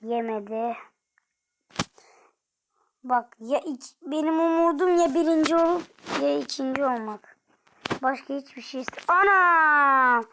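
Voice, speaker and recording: A young woman commenting on her own gameplay, dropping to whispers and then shouting in frustration. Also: high voice, unhurried, long pauses, background noise. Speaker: gaming streamer.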